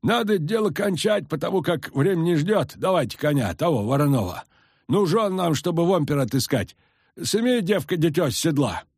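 A man's voice: a little high, animated, normal speed, darkish tone, breathy edge, no echo, studio quality, voice pushed up. A man doing a pushy superstitious old peasant. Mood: insistent. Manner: rustic folksy speech, insistent.

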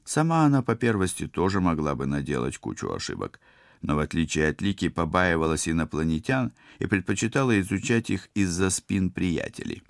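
A man narrating an audiobook in an expressive, wry style. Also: sits low, fairly quick, vocal fry, no room sound, studio quality. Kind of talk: scripted narration.

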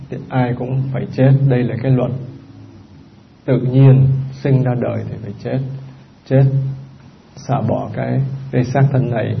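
Male monk, gravelly mid voice, chatty sermon that quizzes the crowd, dull lo-fi recording. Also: mid-range voice, slight background noise. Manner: conversational, often quizzes the listeners, repeats points. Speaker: Buddhist monk teacher. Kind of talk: Dharma talk to a live audience. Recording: dull lo-fi recording with faint background ambience.

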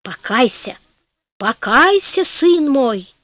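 A woman voicing a pompous, gullible old priest who speaks slowly and solemnly, with reproach, in a storybook. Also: high voice, big pitch swings, a bit bright, dry recording, exaggerated voice.

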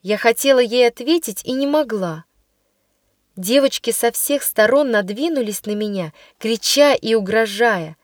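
A woman with a high, bright voice reads a storybook aloud. Her narration is measured and expressive. The recording is close and dry. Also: dry recording. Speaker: audiobook narrator.

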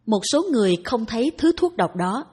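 A woman reading a dharma talk aloud in a calm, even narration. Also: a little high, a little fast, slightly rough. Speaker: reader of dharma talks.

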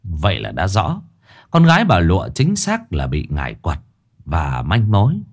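A man's voice: deep voice, wildly swooping pitch, normal speed. A man narrating a ghost story with dramatic, scripted delivery.

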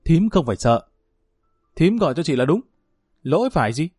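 A man voicing a sharp-tongued, quarrelsome older aunt in a spoken family drama. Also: mid-range voice, animated, no echo, studio quality, faint music behind, close to an everyday voice. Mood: indignant. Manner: harsh, berating, rapid tirades.

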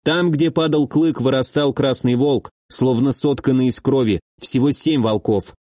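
A male narrator reads fantasy fiction in a steady, measured voice of middling pitch. The recording is dry and close, with no room sound. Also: no echo. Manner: steady, measured reading with acted dialogue. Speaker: audiobook narrator. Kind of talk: scripted fantasy audiobook narration.

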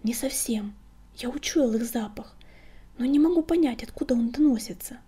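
A woman voicing a young ginger male warrior cat, a calm, thoughtful leader, in whispered role-play. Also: on the high side, moderate pace, slightly rough.

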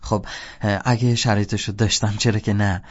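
A man voicing a teenage boy who deepens his voice to sound older, hesitant and overly polite. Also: little pitch movement, natural voice. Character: teenage boy faking a grown-up voice. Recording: dull lo-fi audio.

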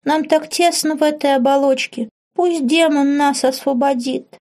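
A little girl spirit trapped inside an old witch, her voice thin, childish and very high. She giggles and pleads in a storybook audiobook. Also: steady tone, unhurried, darkish tone. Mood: pleading, tearful.

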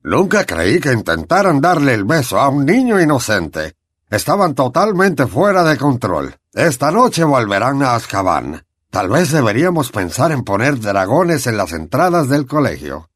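A man's voice: medium pitch, sing-song, normal speed, a bit bright, dry recording. A man doing a blustering official. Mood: flustered. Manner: blustering, huffy. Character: flustered, pompous middle-aged male minister.

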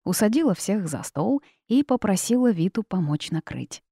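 A woman narrating a first-person audiobook in a lively, ironic manner. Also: mid-range voice, normal speed, slightly rough, dry recording, clean studio sound.

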